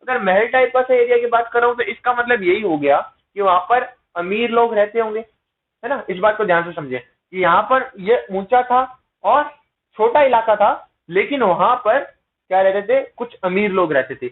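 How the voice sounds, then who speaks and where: A man's voice: sits high, normal speed. A man teaching an exam-prep lecture, asking rhetorical questions and checking in with his listeners. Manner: explains with repeated rhetorical questions and "है ना" tag checks; mixes English terms into explanations. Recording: tinny phone-like sound.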